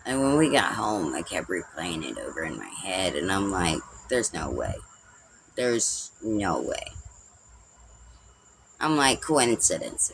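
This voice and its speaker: A man's voice: on the low side, noisy background. Rambling, profane man telling a story. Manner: rambling, profane, heavy on "like" and "you know". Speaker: livestream host. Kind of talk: casual personal storytelling.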